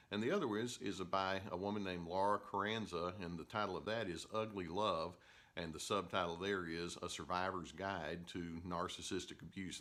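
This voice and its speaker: Calm, low-voiced older male therapist. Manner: calm storytelling with filler "uh"s. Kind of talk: educational talk to camera.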